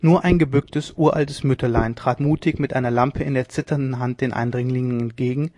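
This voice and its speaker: A man narrating a classic novella as an audiobook in a measured, steady storytelling manner. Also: medium pitch, dry recording.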